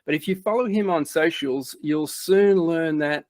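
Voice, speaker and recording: A man's voice: on the high side, unhurried, no echo. A man hosting a podcast, introducing his guest with enthusiasm and asking questions. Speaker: podcast host. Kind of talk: podcast interview.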